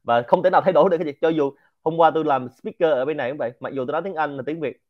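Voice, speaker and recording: A man with a Central Vietnamese Quảng Nam accent giving a lively, informal lecture to a community and dropping English words into his talk. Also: a little high, racing, muffled recording. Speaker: speaker hosting a Q&A session.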